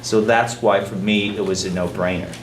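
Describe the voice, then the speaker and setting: A man's voice: on the low side, steady tone, normal speed. A man from Guatemala, a city supervisor, speaking earnestly on a panel and often restarting his phrases. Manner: earnest, personal, repeats words when starting phrases. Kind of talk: panel discussion remarks. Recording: roomy, distant public-address sound with faint noise.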